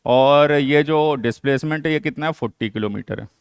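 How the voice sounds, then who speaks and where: Smooth-voiced man teaching physics. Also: mid-range voice, fairly quick, no room sound, clean studio sound. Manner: explains step by step, asks and answers his own questions; mixes English terms into Hindi. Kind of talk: classroom lecture.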